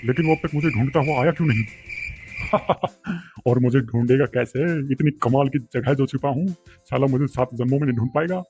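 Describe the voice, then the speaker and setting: A man voicing a bumbling, boastful teacher in a cartoon, talking fast and pleading. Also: medium pitch, a little mellow, soft background music. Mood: smug. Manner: rapid, pleading, comic. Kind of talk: cartoon voice acting.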